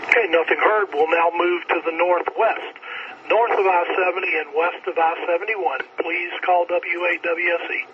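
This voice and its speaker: A man with a high voice runs a radio net, taking check-ins in a methodical, procedural way. He comes through a radio transmission, muffled and lo-fi, with clear static hissing underneath. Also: fairly even intonation, normal speed. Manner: methodical, procedural call-and-acknowledge delivery. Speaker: net control operator.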